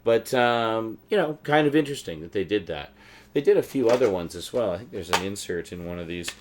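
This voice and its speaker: Showing off the DVDs he's collected, a male vlogger gives rambling, eager fan commentary off the cuff. His fairly low voice is lively and fairly quick, with a little hiss or hum in the recording.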